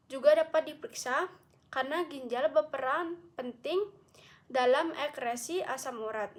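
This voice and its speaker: High-voiced young woman presenting coursework. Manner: careful explanatory reading with frequent self-corrections. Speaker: medical student. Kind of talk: recorded class presentation.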